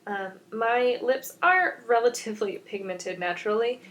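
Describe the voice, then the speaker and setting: A woman's voice: fairly high pitch, normal speed, a bit bright. A young woman in her twenties, a beauty vlogger, chatting and explaining each step of her makeup in a rambling, self-mocking way.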